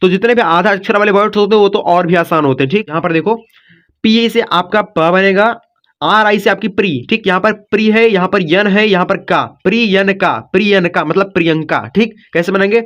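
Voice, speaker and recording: Male tutor, high voice, patient and repetitive, walks learners through each word, slightly muffled lo-fi audio. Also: brisk, a bit bright. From India. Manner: repetitive, coaxing, says "ठीक" and "बच्चों" often. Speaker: teacher. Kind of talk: step-by-step spelling lesson.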